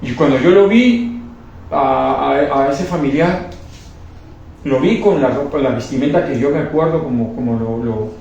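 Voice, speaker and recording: A man's voice: mid-range voice, measured pace, creaky, a little mellow, lo-fi sound. A man giving an emotional religious testimony. He speaks with fervor, repeats himself and often stumbles into restarts. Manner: fervent, repetitive, stumbling restarts. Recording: echoey room, distant mic, faint noise.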